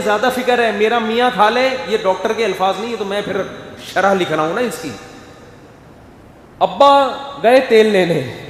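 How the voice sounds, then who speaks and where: Animated male preacher in echoey hall. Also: high voice, slight background noise. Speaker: Islamic scholar giving a talk. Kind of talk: lively religious lecture. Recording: echoey hall with long reverb, faint ambience.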